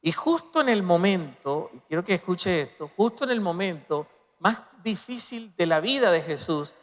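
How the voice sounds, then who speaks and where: A man preaching a sermon as pastor, swinging between loud emphatic peaks and soft, low passages. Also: animated, moderate pace. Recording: long reverb of a large hall.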